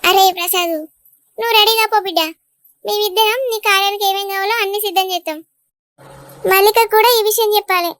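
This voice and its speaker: A woman voicing an emotional older village mother in a cartoon, pleading dramatically in a high-pitched voice. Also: steady tone, quick pace, pauses often, a bit bright, no room sound, clean studio sound. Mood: coaxing. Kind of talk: Telugu cartoon dubbing.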